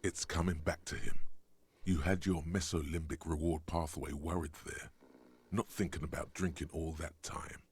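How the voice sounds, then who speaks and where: An actor narrating a game as a sly, tempting inner voice, slow and teasing, with a gravelly voice. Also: male voice, a bass voice, steady tone, a little hiss or hum.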